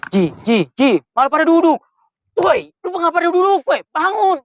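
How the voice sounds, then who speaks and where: A man with a Betawi Indonesian accent playing an eager, fussy, excitable village guard recruit in a comedy sketch. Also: very high-pitched, normal speed, slight background noise, full character voice. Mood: bossy, agitated.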